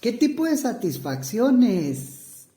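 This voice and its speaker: Un hombre mexicano de unos cuarenta años, psicoterapeuta, que responde una entrevista con titubeos, muletillas y frases que vuelve a empezar. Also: male voice, very high-pitched, big pitch swings, warm tone. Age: 40s. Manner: halting, many fillers and restarts. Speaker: psychotherapist interviewee. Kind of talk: hesitant interview answers. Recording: roomy echo.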